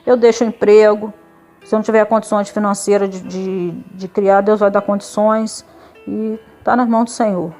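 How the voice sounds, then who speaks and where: A woman tells her faith testimony with emotion, acting out the other people in her story as she goes. Her pitch sits in a middle range. Soft music plays faintly behind her. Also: steady tone, normal speed. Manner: emotional storytelling, retelling dialogue with quoted voices. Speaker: church member giving testimony. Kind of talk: religious testimony.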